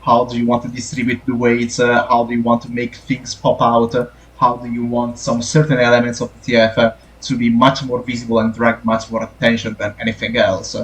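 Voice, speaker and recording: An Italian guest artist speaks English with an Italian accent in a casual podcast chat, hesitating, searching for words, and using many fillers. His mid-range voice is monotone and brisk with hardly any pauses, and the audio is poor.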